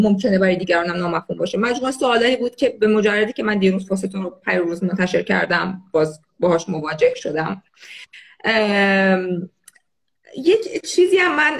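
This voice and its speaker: A woman interviewer in a live online conversation, appreciative and halting, with many pauses and fillers. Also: medium pitch, vocal fry, rough recording. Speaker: interviewer, activist host.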